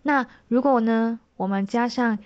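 A woman singing teacher giving a vocal lesson, explaining patiently with soft sentence-final particles. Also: on the high side, a little slow, highs cut off.

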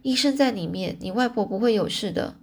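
A woman voicing a steady, protective teenage boy in an audiobook, calm and reassuring. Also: mid-range voice, fairly quick, vocal fry, breathy edge.

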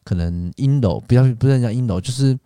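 A man's voice: medium pitch, animated, fairly quick, dark tone, smooth, no echo, clean studio sound. A man co-hosting a casual chat, teasing and rambling loosely. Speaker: podcast co-host.

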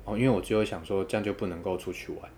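A man chats quickly and casually, telling a story and acting out the people in it. His voice sits fairly low, and he breaks into loud laughs as he gets going. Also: a little hiss or hum. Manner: animated storytelling, quotes others, laughs loudly. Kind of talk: casual chat.

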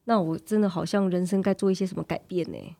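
A woman's voice: lowish voice, steady tone, fast, vocal fry, mellow. Taiwanese woman guest chatting casually. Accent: Taiwanese Mandarin. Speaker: podcast guest. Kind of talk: casual personal storytelling.

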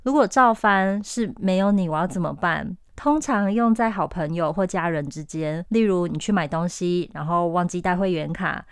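A woman's voice: on the low side, normal speed, few pauses, smooth, no room sound, studio quality. A woman from Taiwan with a Taiwanese Mandarin accent, an English teacher running a scripted lesson podcast, drilling pronunciation with repeated examples.

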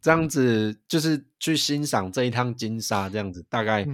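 A man, co-hosting a podcast and telling a story in an animated way, with frequent restarts. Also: mid-range voice, moderate pace, no room sound, clean studio sound. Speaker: podcast co-host. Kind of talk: casual chat.

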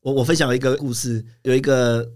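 Fast-talking, animated male doctor. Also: mid-range voice. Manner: laughs often, chatty and animated. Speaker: urologist guest. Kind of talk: animated storytelling in a radio interview.

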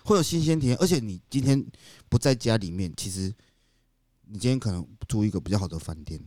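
A man's voice: lowish voice, animated, quick pace, a little mellow, dry recording. A man with a Taiwanese accent chatting casually and frankly as a podcast co-host, in colloquial speech peppered with English words.

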